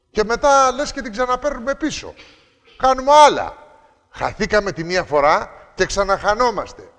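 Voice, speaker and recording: A man's voice: high-pitched, fairly bright tone, big-room sound. An older man, a former teacher, giving a sermon in a storytelling manner, acting out the voices he quotes. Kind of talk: sermon to campers.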